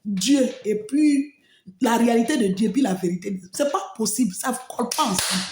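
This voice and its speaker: Expressive woman telling her testimony. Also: fairly high pitch, a little fast, roomy sound. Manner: expressive storyteller, frequent exclamations. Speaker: testimony speaker. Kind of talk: emotional personal testimony.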